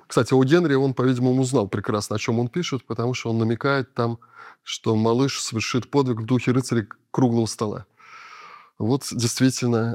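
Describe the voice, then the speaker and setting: A man giving an unscripted lecture, explaining at a thoughtful pace with frequent filler pauses. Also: mid-range voice, darkish tone, no room sound, clean studio sound.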